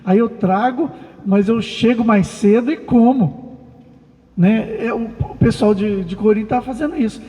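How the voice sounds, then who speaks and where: High-voiced Brazilian pastor preaching in a reverberant hall. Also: male voice, unhurried, dark tone. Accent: Brazilian Portuguese. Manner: conversational preaching, frequent "né?" tag questions. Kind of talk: sermon. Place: church hall. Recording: long reverb of a church hall.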